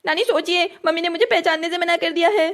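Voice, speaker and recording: A woman's voice: extremely high pitch, quick pace, a bit bright. A woman voicing an upset teenage son in a cartoon story, urgent and pleading.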